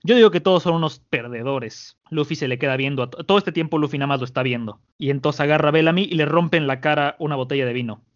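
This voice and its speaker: Mexican man retelling a comic, lively. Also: fairly high pitch, racing, hardly any pauses. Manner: animated, many fillers. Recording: muffled lo-fi audio.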